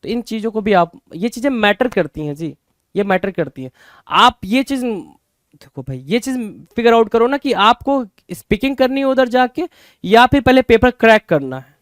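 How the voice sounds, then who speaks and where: A man's voice: very high voice, big pitch swings, normal speed, no echo, clean studio sound. A man teaching English vocabulary for exams in a mix of Hindi and English, repeating each word and asking his students rhetorical questions. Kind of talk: Hindi-English exam prep lecture.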